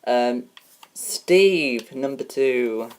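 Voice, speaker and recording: A woman hosting a homemade game show parody, reading rules and questions in a halting way with many ums and restarts. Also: a bass voice, animated.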